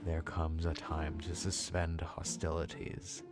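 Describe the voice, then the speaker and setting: A man voicing a masked, scheming old grandmother who speaks slowly and coldly while reading a game aloud. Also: rumbling low, little pitch movement. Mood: cold resolve. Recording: game music underneath.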